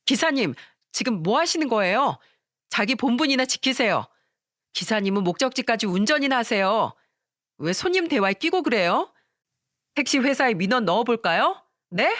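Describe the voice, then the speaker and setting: A woman's voice: animated, normal speed, no room sound, studio quality, lightly acted. A woman voicing a sweet-talking, two-faced young daughter-in-law with a fawning, coaxing manner in a radio story. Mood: shrill. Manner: fawning, coaxing, shrill when cornered.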